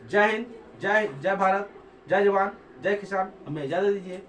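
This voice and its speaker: Male grammar teacher, high voice, slow measured delivery, spells out words and quizzes the class, recorded from afar in an echoey room. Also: fairly bright tone, far from the mic, slight background noise. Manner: drills words letter by letter, repeating them; asks the class questions and urges them to answer. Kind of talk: classroom lecture.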